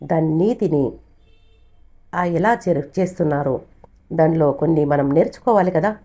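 A woman voicing a bold young man who calmly reassures his frightened friend in a told story. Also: low voice, normal speed. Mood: firm.

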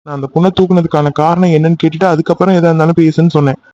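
A man's voice: on the high side, fairly even intonation, very fast, warm tone, lo-fi sound, lightly acted. Man voicing a pleading young lover. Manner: pleading, insistent. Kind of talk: cartoon voice acting.

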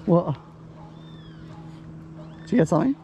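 A young Australian man chatting excitedly while fishing on a lake bank, swearing and cheering his catch on, recorded on a chest-mounted action camera. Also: high-pitched, measured pace, dull audio. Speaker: fishing vlogger. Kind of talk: casual chat while fishing.

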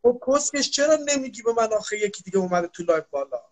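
Man, high-pitched, crude, mocking, insulting, live-stream argument, phone mic. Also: animated.

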